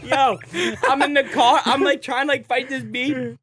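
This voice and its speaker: A young man co-hosting a comedy podcast, animated and laughing often as he acts out silly voices. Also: very high voice, moderate pace, crowd noise. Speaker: podcast co-host. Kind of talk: casual comedy banter.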